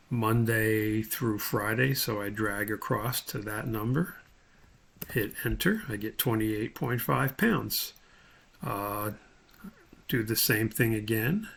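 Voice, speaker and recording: A man with a gravelly, lowish voice demonstrates software step by step without a script, hesitating often as he thinks out loud mid-task.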